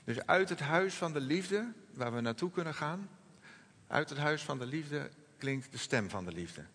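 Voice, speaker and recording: A man preaching a sermon in a gentle, reflective manner, slowing and softening his voice on quoted words. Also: fairly high pitch, lively intonation, in a large hall. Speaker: pastor.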